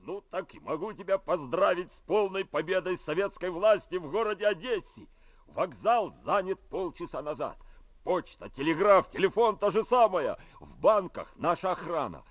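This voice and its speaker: An actor playing a businesslike revolutionary leader in a radio drama, folksy and comradely. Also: male voice, high-pitched, lively intonation, normal speed, no echo. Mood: hearty, businesslike. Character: hearty, businesslike male revolutionary committee leader.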